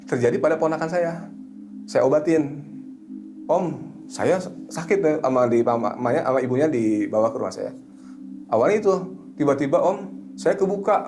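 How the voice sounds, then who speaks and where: A middle-aged man who works as a hypnotherapist, chatting casually and telling animated stories, sometimes slipping into a slow, soothing suggestion voice. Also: mid-range voice. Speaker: hypnotherapist guest. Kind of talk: casual chat.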